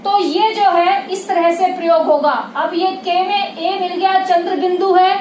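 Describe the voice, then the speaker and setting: Speaking in a steady, measured, slightly mellow tone, a very high-voiced woman patiently teaches grammar to a class. She goes over each point more than once and keeps asking whether the students understand. Her voice echoes in a spacious room over a faint background hiss.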